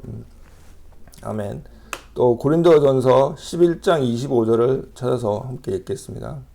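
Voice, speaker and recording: A man preaching a sermon as pastor, reading scripture aloud and explaining it in a measured way with frequent pauses. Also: medium pitch, vocal fry, warm tone, slight background noise.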